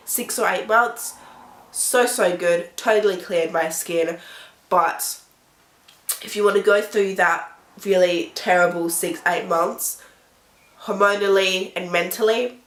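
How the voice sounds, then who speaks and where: Slow-talking woman with a blocked-up nose, echoey room. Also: mid-range voice, a bit bright. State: sick with a blocked nose, breathing through the mouth. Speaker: beauty vlogger. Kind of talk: casual talk to camera about personal experience. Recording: echoey, roomy sound.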